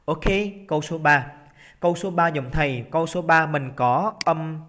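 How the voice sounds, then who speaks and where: A man from Vietnam runs a recorded exam-prep lesson with a slightly high voice. He is lively and coaxing, slows right down to draw out each stressed syllable, then speeds back up to check his students are following. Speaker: English teacher. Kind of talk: exam-prep lesson, explaining test answers. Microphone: computer recording while drawing on screen.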